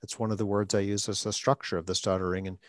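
He talks fast with a flat delivery and a voice on the low side, hosting a podcast as a stuttering coach. The coaching is conversational, in short phrases with an occasional stutter block, and the studio recording is clean with no room sound.

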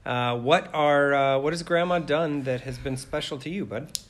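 A man's voice: fairly high pitch, moderate pace. A middle-aged man casually interviewing family as a father, with a playful, teasing way of talking. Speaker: father interviewing his children.

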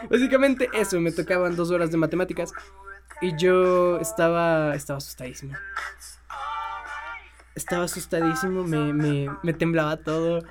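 A young man casually telling a personal story, swearing freely and laughing often. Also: sits high.

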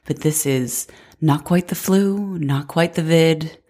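Low-voiced nasal woman with a cold. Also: slow, warm tone. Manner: chatty, frequent "like" fillers. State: sick, congested and nasal. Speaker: podcast host. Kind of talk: casual solo podcast chat.

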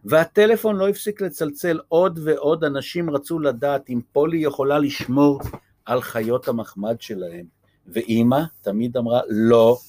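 A man reading a children's chapter book aloud, gentle and lively. His voice sits at an ordinary pitch, and the sound is dry and close. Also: dry recording. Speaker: storyteller.

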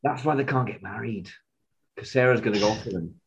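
A man co-hosting a podcast in casual fan chat, talking in an animated, rambling way and stammering on restarts. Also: fairly low pitch, fairly quick, slightly rough, lo-fi sound. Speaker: podcast co-host.

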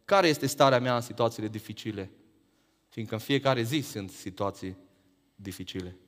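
A man preaching a sermon, firing rhetorical questions that climb to emphatic peaks and then drop low. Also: in a large hall.

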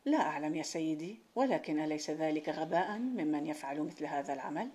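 A woman's voice: low-pitched, expressive, quick pace, warm tone, a little hiss or hum. A woman reading the lines of a humble, earnest young male servant in a folk tale. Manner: polite, earnest.

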